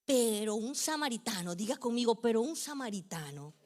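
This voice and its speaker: Woman pastor in her middle years preaching hard, high voice, big swings up and down, quiet then almost yelling. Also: sing-song, moderate pace. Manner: impassioned, swinging from hushed to near shouting. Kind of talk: preaching a sermon.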